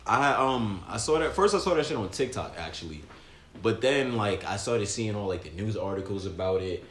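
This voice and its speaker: Man, podcast co-host, slangy animated storytelling, echoey room, faint hiss. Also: lowish voice, moderate pace. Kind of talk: casual chat.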